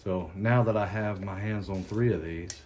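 A man with a Southern accent, hosting a casual unboxing chat in an unhurried, halting way with many ums and restarts. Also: low-pitched, a little mellow, slight background noise. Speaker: cigar channel host.

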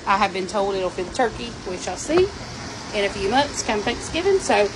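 A woman's voice: medium pitch, sing-song, normal speed, background noise. A woman in her thirties chatting casually as she films her cooking step by step in a camper kitchen on her phone. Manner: chatty, explains step by step, filler ums. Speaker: vlogger. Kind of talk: casual cook-along chat. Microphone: phone held while filming.

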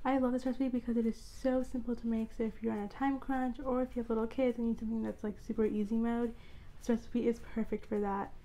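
A woman's voice: fairly high pitch, level tone, quick pace, dark tone. A young woman hosting her own cooking channel, talking viewers through an easy recipe step by step in an upbeat, chatty way. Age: young adult. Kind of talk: friendly recipe tutorial. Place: indoor room at home.

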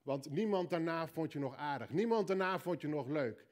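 A man with a Dutch accent preaching a sermon, telling a story with punchy repeated lines and quiet joking asides. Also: a little high, lively intonation, normal speed. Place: church hall.

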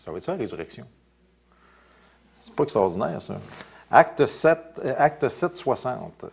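A male pastor with a Quebec French accent preaching a sermon, reading scripture aloud and commenting in quieter, casual asides. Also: mid-range voice, a little slow, vocal fry, slightly rough. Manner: lively preaching, rising loud on scripture then dropping to quiet asides.

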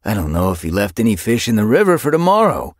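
An amused tomcat deputy makes a dry joke in a steady, low-key voice, as a man voices him. The audiobook sound is dry and close. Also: quick pace, no echo. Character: amused male deputy cat.

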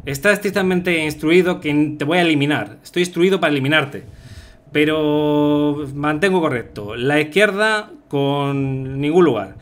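A man's voice: a little high, moderate pace, a bit bright. A man streaming a game live, translating its text on the fly in a loose, rambling way full of fillers. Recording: music playing behind.

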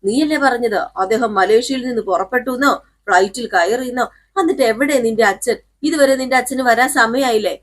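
A woman's voice: fairly high pitch, fairly quick, natural voice. A woman voicing an angry, suspicious middle-aged mother-in-law who scolds sharply. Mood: scolding.

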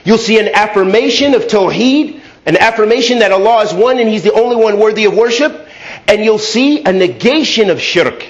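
A man with an American accent delivering a mosque sermon, switching from fast chanted Arabic openings to slow, measured English. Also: sits high, animated, lo-fi sound. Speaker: imam giving a Friday sermon. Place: mosque prayer hall.

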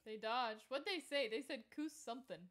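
A young woman streaming a game, chatting softly and giggling often, with a slight sore throat and a little cough. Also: on the high side, normal speed. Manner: soft-spoken and giggly. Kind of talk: casual gaming stream chat.

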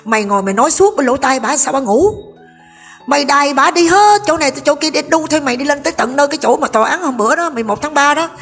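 A woman's voice: high voice, expressive, fast talker, a bit bright, soft background music. A woman with a Southern Vietnamese accent, a vlogger giving gossip commentary, scolding and speaking straight to her viewers. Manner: scolding, addresses viewers directly.

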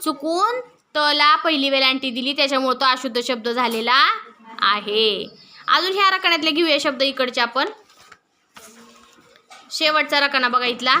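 A woman teaching a classroom lesson, her voice high and very bright. She is middle-aged and keeps turning to the pupils with questions. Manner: asks pupils questions and waits for answers.

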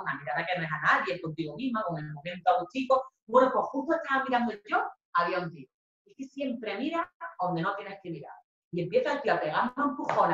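A woman from Spain performing a theatrical monologue, animated, acting out scenes and bursting into shouts. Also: medium pitch. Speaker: theatre performer giving a talk. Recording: echoey room, distant dull mic.

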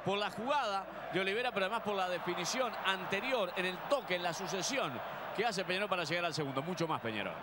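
A man's voice: sits high, expressive, quick pace. A man analysing a football match live, emphatically, in short repeated phrases. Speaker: football colour commentator. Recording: loud stadium noise behind the voice. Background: football stadium ambience.

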